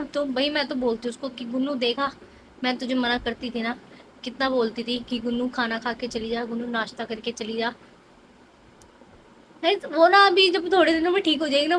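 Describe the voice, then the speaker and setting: Vlogger, young woman, high voice, rambling defensive chat, faint home noise. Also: fairly bright tone, rough recording. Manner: chatty, rambling, defensive explaining. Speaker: family vlogger. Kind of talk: casual vlog talk to camera.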